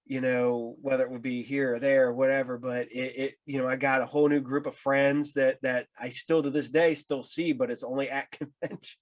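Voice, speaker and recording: A man's voice: medium pitch, little pitch movement, a little fast, hardly any pauses. An American man chatting casually as an interviewer, telling anecdotes in a loose, rambling way. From Ohio, United States.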